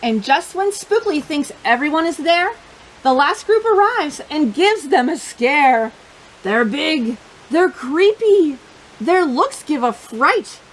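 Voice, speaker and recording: Poor audio carries a woman hosting a storytime for kids; her high voice reads a picture book slowly, with expressive, sing-song playfulness and direct remarks to the young listeners.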